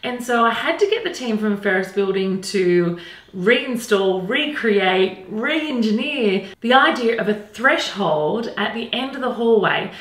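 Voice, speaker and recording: A woman's voice: mid-range voice, lively intonation, a little slow. A middle-aged woman presenting a makeover reveal in a gushing, emphatic manner. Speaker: renovation show host. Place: small indoor tiled hallway. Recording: echoey room, faint background noise.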